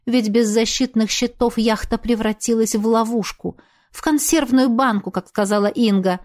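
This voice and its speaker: A woman's voice: fairly high pitch, fairly even intonation, normal speed, a little mellow. A woman reading dramatic fiction as a scripted audiobook narrator.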